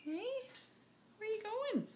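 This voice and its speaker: A woman talking baby talk to her pet bird in a coaxing, sing-song way at home, in an echoey room with loud noise. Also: very high voice, expressive, takes it slowly. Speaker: pet owner. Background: dogs barking.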